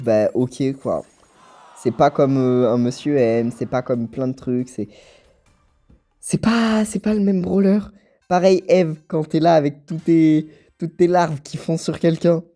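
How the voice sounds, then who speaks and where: A man chatting casually over his gameplay in a relaxed, mellow voice. He rambles, trips over his words and repeats himself as he talks. The pitch sits in a middling range for a man. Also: a little slow. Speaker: gaming channel host.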